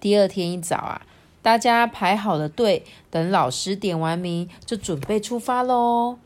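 A woman reading a children's picture book aloud, stretching out little sentence particles and sighing between lines. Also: medium pitch. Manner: expressive, drawn-out particles like 啊 and 哦, sighing fillers. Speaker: storybook reader.

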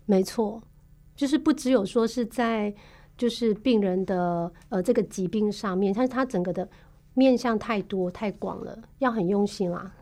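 A woman with a Taiwanese Mandarin accent who works as a tuberculosis case manager, explaining her work patiently in a podcast interview, pausing often on fillers. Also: mid-range voice, warm tone. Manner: patient, explanatory, measured with frequent filler pauses.

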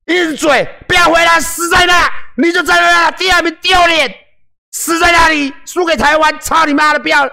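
A man voicing a furious male online troll who shouts curses. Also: very high-pitched, fairly even intonation, moderate pace, gravelly, voice pushed up, exaggerated voice. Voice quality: shouted, profane, hectoring.

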